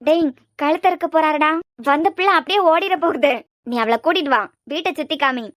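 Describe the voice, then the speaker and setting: A woman playing a sharp, teasing middle-aged mother in a cartoon serial, with a Kanyakumari Tamil accent. Her voice is high, and she probes gently in a motherly way. The close recording is dry. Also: brisk, dry recording, close to an everyday voice. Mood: scolding.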